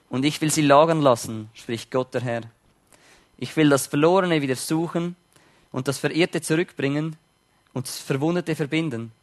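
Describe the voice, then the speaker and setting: A man preaching a sermon, reading scripture slowly and quietly and then explaining it in plain everyday words. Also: medium pitch.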